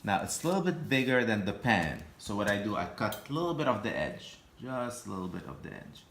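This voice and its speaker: Low-voiced male home cook, halting and patient, in an echoey kitchen. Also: very animated, a bit bright, a little hiss or hum. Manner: halting, patient step-by-step explaining with frequent restarts. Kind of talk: cooking demonstration.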